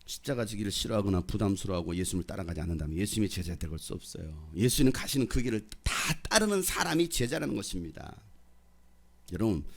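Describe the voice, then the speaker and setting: A man's voice: fairly low pitch, creaky. A middle-aged male pastor from the Jeolla region preaching a sermon, quizzing and teasing the congregation. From Jeolla, South Korea.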